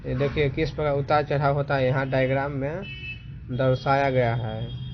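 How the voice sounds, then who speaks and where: A man teaching grammar, explaining definitions slowly and repeating them so students can write them down. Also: mid-range voice, little pitch movement. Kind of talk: slow classroom explanation. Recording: dull lo-fi recording with faint noise.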